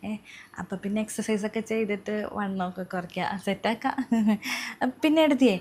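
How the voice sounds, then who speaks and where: A woman's voice: mid-range voice, fairly quick, a little mellow, slight background noise, close to an everyday voice. A woman playing a demanding young new mother who orders her sister-in-law around in a comedy sketch. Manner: bossy, whiny, insistent.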